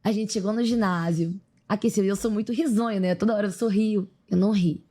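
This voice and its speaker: Lively Brazilian woman telling her story. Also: mid-range voice, a little fast. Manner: lively, animated retelling with quoted voices. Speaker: podcast guest, athlete. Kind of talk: casual storytelling interview.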